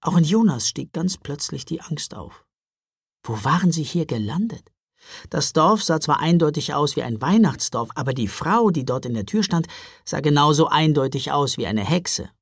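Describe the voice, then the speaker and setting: A man narrating a children's Christmas audiobook, expressive storyteller. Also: a little high, moderate pace, breathy edge, dry recording, studio quality.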